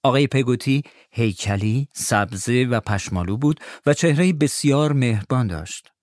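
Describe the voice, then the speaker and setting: A man calmly narrating a storybook in the first person, in an even, steady storytelling voice. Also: mid-range voice, dry recording, studio quality.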